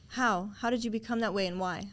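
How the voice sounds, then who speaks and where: A woman's voice: medium pitch, fast talker, fairly bright tone. A woman from Kansas, a guest on a podcast, chatting casually and asking playful, teasing questions. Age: adult parent.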